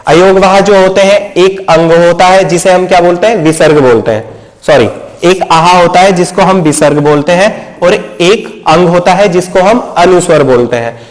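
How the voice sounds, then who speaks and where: A man's voice: sits high, normal speed, rough recording. A man teaching a Hindi lesson who asks questions and answers them himself, checking in with his students often. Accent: Hindi mixed with English words. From Uttar Pradesh. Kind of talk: explanatory video lesson.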